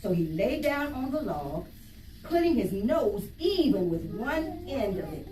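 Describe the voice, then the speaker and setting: A woman's voice: a little high, big pitch swings, unhurried, dark tone. A woman reading a story aloud to young children, stopping to explain it in simple words and ask them questions. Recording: roomy, distant mic, faint noise.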